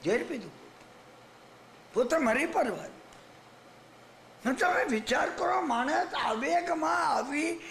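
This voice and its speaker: A man's voice: very high voice, lively intonation, takes it slowly, creaky, pauses often, fairly bright tone. A man giving a sermon, telling a moral story and often checking that his listeners understand. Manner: keeps asking the audience if they understand. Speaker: Jain preacher. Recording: roomy hall with faint hiss.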